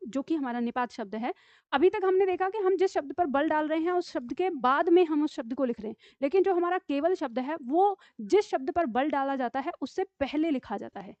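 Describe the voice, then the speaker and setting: A woman teaching a grammar lesson, explaining step by step with frequent check-ins and slowly dictating example sentences. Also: high voice, a little mellow, dry recording. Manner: explains step by step, often asks "ठीक है?". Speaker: Hindi teacher. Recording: dull lo-fi dry room sound.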